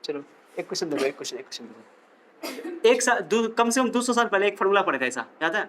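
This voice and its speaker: High-voiced, joking physics teacher. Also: male voice, big pitch swings, fast talker, fairly bright tone, slight background noise. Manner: teasing, jokey, quizzes the students. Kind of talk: playful classroom lecture.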